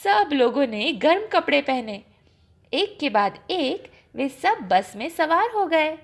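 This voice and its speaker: A high-voiced woman tells a children's story slowly and expressively, her intonation swinging widely to add drama. She sounds very animated, with some vocal fry.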